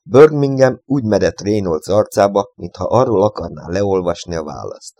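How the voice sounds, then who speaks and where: A male audiobook narrator with a low, gravelly voice and a dark, mellow tone. His reading is expressive, with a lively pitch. The sound is dry and close to the mic. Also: no room sound. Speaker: audiobook reader.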